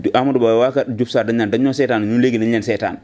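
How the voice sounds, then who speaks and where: A man, arguing political points quickly in a discussion, mixing in French. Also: medium pitch, steady tone, a little mellow. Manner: fast, argumentative, mixes French into Wolof. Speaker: political commentator.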